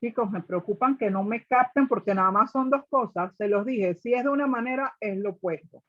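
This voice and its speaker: A woman's voice: on the high side, brisk, no echo. Woman teaching online, dry lo-fi sound. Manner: explains step by step, repeats examples, checks with "¿ok?". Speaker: English teacher. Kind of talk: online class explaining grammar in Spanish and English.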